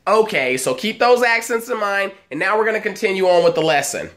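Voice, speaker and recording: A man's voice: high-pitched, lively intonation, brisk, fairly bright tone. A man hosting a comedic mock language lesson, joking crudely and laughing along the way. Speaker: comedy video host.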